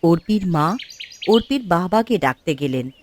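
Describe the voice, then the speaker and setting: Expressive woman storyteller. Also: lowish voice, moderate pace, a little hiss or hum. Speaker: narrator. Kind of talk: scripted storybook narration.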